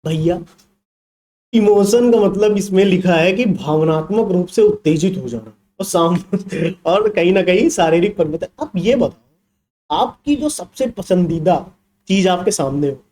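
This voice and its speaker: A young male teacher leads an online exam revision class with a fairly high voice. He teases his students, keeps asking whether they understand, and slips English terms into his explanations. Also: unhurried. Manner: lively, teasing, mixes Hindi with English terms, asks students questions. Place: indoors with a laptop.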